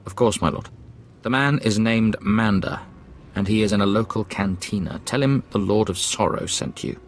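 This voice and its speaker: An actor playing a secretive male intelligence agent in a video game, speaking briskly and discreetly. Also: lowish voice, a little hiss or hum, lightly acted.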